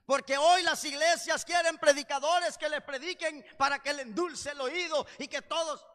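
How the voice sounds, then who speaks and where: High-voiced, impassioned male preacher. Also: fairly even intonation, normal speed. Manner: impassioned, swings between loud cries and low intensity. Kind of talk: sermon. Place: church. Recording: long reverb of a church hall.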